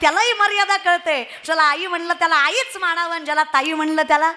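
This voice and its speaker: Brief: a woman doing a legendary demon king, earnest and candid, high and bright, in a devotional sermon. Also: steady tone, fast talker. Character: proud male demon king, calm and candid.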